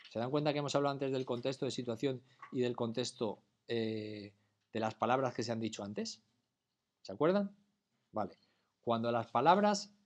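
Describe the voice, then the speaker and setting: A man from lectures a class at an ordinary, mid-range pitch. He explains step by step and keeps pausing to ask whether everyone has understood. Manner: patient, keeps checking understanding with questions. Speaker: teacher.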